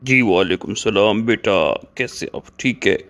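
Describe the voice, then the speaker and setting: A man's voice: on the low side, fairly bright tone, lightly acted. An actor playing a gullible, easily offended old grandfather who scolds and complains in a comedy skit. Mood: coaxing.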